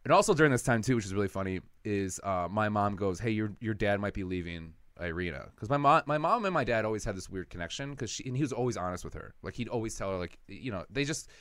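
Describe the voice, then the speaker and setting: A man's voice: on the low side, animated, fast talker, few pauses, fairly bright tone, dry recording, studio quality. A man telling a long personal story in casual podcast chat, rambling and profane, acting out what people said. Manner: rambling, profane, acts out quotes.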